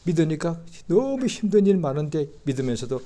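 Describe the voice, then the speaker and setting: A male pastor preaching a Sunday sermon, acting out the story in voices and swinging from quiet talk to loud outbursts. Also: fairly high pitch, sing-song, fairly quick.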